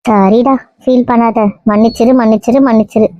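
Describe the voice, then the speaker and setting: Lady doing worried aunt, high quick pleading voice, muffled audio. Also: no room sound, natural voice. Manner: anxious, pleading. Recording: muffled lo-fi sound.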